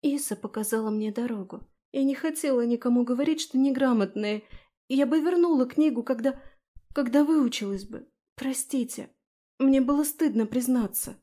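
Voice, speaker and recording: A woman's voice: sits high, normal speed, dark tone, pitched above the performer's own voice. A woman voicing a shy, ashamed young girl who speaks hesitantly and falters.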